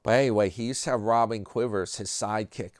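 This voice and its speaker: A man's voice: on the low side, steady tone, fast talker, no echo, clean studio sound. A man with a New York accent talking in a loose, rambling commentary style, full of fillers and restarts. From New York area. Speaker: commentary vlogger.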